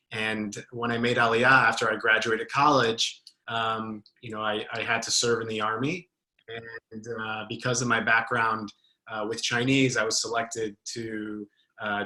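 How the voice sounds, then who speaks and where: A man's voice: fairly low pitch, sharp tone, rough recording. A young man from the United States sharing a personal account in a casual, hesitant way. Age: young adult. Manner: hesitant, many fillers and restarts. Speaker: guest speaker.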